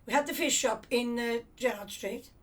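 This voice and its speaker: Recalling her family history at a relaxed conversational pace, an older woman from England with Cypriot roots speaks in a high, light voice. Her storytelling wanders and restarts as things come back to her, reflective rather than polished.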